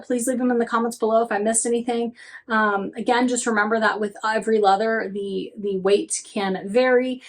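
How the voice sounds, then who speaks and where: A woman vlogger chatting casually about a handbag, rambling with lots of ums and self-corrections. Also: a little high. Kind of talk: casual chat.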